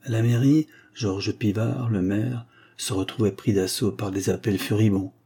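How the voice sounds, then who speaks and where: A man reading an audiobook aloud in measured, even narration. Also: fairly low pitch, gravelly, slightly rough. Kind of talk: scripted narration.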